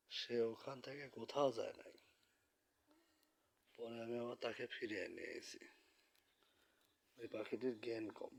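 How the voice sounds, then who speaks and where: Man, home vlogger, hushed late-night talk into a phone, breathy and even. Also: lowish voice. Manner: speaks softly to keep from waking neighbors. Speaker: pet bird vlogger. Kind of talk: quiet night-time vlog narration. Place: indoors at home, in bed.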